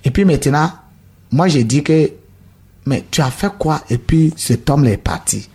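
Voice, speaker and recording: A man from Burkina Faso telling his conversion testimony in an interview, halting and repeating himself as he acts out the dialogue. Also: a little high, lively intonation, darkish tone, breathy edge. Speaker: guest giving a conversion testimony. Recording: radio studio.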